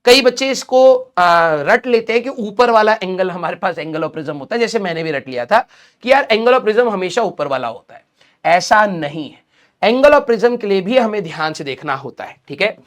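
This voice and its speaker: Slow-talking male teacher with a sore throat. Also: high-pitched, animated. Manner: slow, repeats key terms, quizzes students and answers himself; mixes English phrases into Hindi. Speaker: physics teacher. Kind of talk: recorded video lecture.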